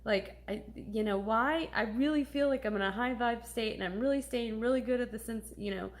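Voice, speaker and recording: A woman's voice: a little high, normal speed. A woman in her thirties talking candidly and emotionally in a personal vlog, swearing casually as she confides. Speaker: vlogger.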